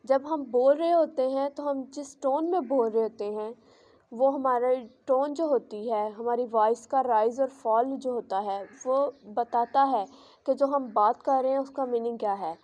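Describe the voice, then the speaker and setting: A woman teaching English, slowly explaining and repeating each definition in two languages. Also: high voice, darkish tone, lo-fi sound. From Pakistan. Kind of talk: classroom lecture.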